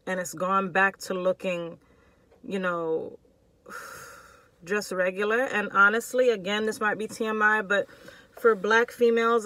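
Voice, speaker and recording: A woman vlogger telling a personal story to her viewers in a casual, expressive and slangy way. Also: medium pitch, no room sound.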